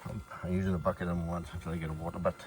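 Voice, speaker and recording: A man's voice: deep voice, flat delivery, very fast, noisy background. A man giving a casual, matter-of-fact hands-on demonstration in short, plain-spoken phrases. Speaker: hobbyist demonstrating a homemade gadget. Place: shed and garden, partly outdoors.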